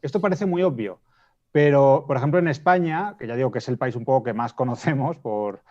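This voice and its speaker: A man from Spain with a Spanish accent, a panelist explaining his points in a casual discussion, often pausing to rephrase. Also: medium pitch, a little mellow. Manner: explanatory, restates points, frequent hesitations. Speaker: debate panelist. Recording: dull lo-fi audio.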